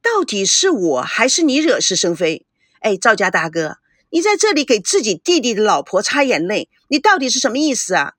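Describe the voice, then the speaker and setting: A woman voicing a spoiled, quarrelsome young woman in an audiobook, sharp and accusing. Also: medium pitch, very animated, normal speed, no echo, studio quality. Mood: taunting.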